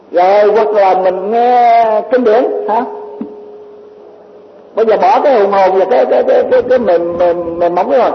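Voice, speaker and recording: Male Buddhist teacher, high voice, rambling dharma talk with repeated words, dull lo-fi hall recording. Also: a little hiss or hum. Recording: echoey hall, dull lo-fi sound.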